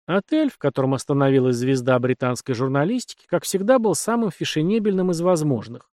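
A man reading an audiobook in a measured, even storytelling manner. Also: on the high side, no echo, studio quality. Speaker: audiobook narrator. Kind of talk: scripted narration.

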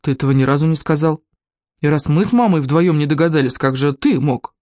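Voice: mid-range voice, brisk, a little mellow, dry recording, studio quality, close to an everyday voice. A reader voicing an earnest, upright young schoolboy in a storybook reading. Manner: earnest, firm.

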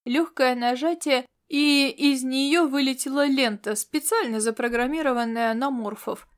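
A woman reading a science fiction audiobook in scripted narration, with expressive delivery. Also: sits high, measured pace.

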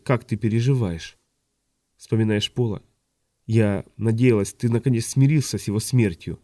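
A man reading an audiobook, voicing a middle-aged noblewoman who is sharp-tongued but tender, speaking softly and quietly with occasional rises in pitch. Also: no echo, studio quality, lightly acted. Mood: scolding.

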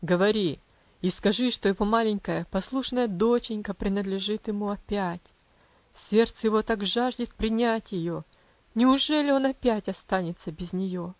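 Lady putting on a stern low dad voice, cold and bossy, dull dry audiobook sound. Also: no room sound, natural voice. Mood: tender. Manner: cold, commanding, measured. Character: stern cold father, strict then tender.

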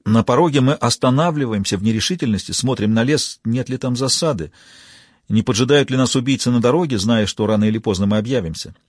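Husky-voiced man narrating a novel. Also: mid-range voice, fast, no echo, clean studio sound. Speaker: audiobook narrator. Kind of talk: scripted narration.

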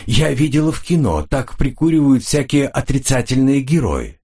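A male audiobook narrator voicing a frightened, nervous young woman who gets shrill and panicky. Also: very animated, moderate pace, dark tone. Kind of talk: audiobook character reading.

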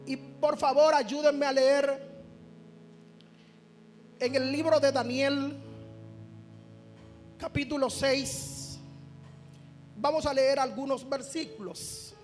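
A man's voice: extremely high pitch, fairly even intonation, slow, pauses often, soft background music. A man preaching a sermon at a church retreat. He reads scripture aloud and calls out fervently for amens and praise.

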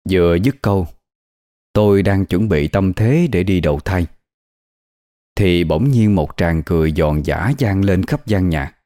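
A man narrating a scripted ghost story in a measured, steady way. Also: deep voice, no echo, clean studio sound.

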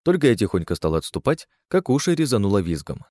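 Male audiobook narrator, low voice, dry close sound, sardonic crude first-person telling. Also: very animated, fast, dark tone, no echo.

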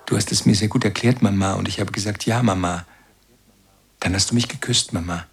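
A grown son looking back on a harsh, pious childhood in a literary radio drama. His voice is low and gravelly with a husky, rough edge, and his recollection is slow and brooding. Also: heavily acted. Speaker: first-person narrator. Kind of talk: literary radio play narration.

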